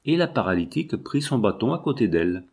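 A man reading a classic novel aloud as scripted narration, measured and solemn. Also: medium pitch, very animated, husky. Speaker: audiobook reader.

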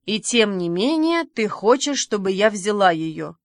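A woman voicing a kindly, fussy middle-aged village woman in a storybook reading, brisk and motherly, softening on endearments. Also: mid-range voice, very animated, no echo, clean studio sound.

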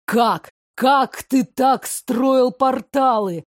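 A woman's voice: mid-range voice, a little slow, a little mellow, no room sound, studio quality, natural voice. A woman reading an audiobook, voicing a furious, commanding middle-aged grand duke who growls and barks his questions. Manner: growling, barking interrogation.

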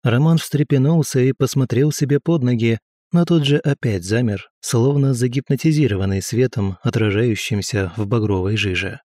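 A man narrating an audiobook in the first person with a steady, measured reading. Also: mid-range voice, dry recording, clean studio sound.

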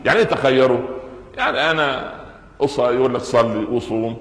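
A man's voice: medium pitch, quick pace, fairly bright tone. A man with an Egyptian accent giving a Friday sermon lesson, asking the audience rhetorical questions and shifting between classical and colloquial Arabic. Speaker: preacher. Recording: echoey hall with long reverb.

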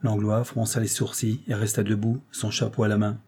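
A man reading a classic novel aloud in a measured literary style. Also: fairly low pitch, level tone, darkish tone, a little hiss or hum. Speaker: audiobook reader. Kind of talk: scripted narration.

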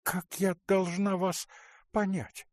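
A man's voice: high-pitched, level tone, slow pace, darkish tone, no room sound, pitched above the performer's own voice. A man voicing a sentimental, theatrical middle-aged noblewoman who pleads tearfully, in an audiobook reading with a dry sound. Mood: pleading.

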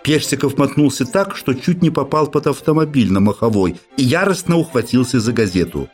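A man's voice: medium pitch, lively intonation, a little fast, a little mellow, husky, soft background music. A man narrating an audiobook expressively. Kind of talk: literary narration.

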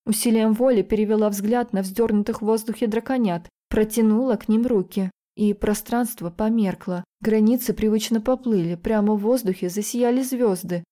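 A woman narrating a fantasy novel in the first person with steady, expressive reading. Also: mid-range voice, normal speed, few pauses. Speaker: audiobook narrator.

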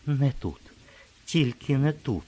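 A man voicing a proud, sharp-tongued young woman in an audiobook, speaking in a hushed, tense way. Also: medium pitch, expressive, slow pace, pitched above the performer's own voice. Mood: hushed pleading.

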